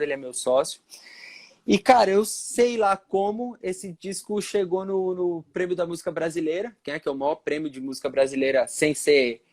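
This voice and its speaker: A man from São Paulo state with a Paulista accent, telling stories casually in a live interview and acting out the dialogue he quotes. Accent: Paulista Portuguese. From São Paulo state, Brazil. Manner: animated, acts out quoted dialogue with pitch jumps. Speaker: percussionist guest.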